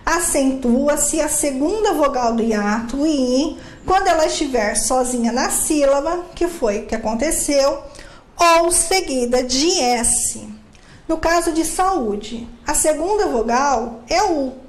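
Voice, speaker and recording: High-voiced woman teaching grammar, echoey room. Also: expressive, slow, slight background noise. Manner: explains step by step, asks and answers own questions. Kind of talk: grammar lesson.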